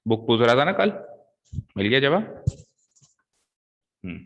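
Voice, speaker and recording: A man's voice: mid-range voice, big pitch swings, unhurried, a bit bright. A man teaching a live online maths class, quizzing his students and coaxing them through each step patiently. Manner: quizzes students, calls them "beta" and "bhai". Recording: echoey room, dull lo-fi sound.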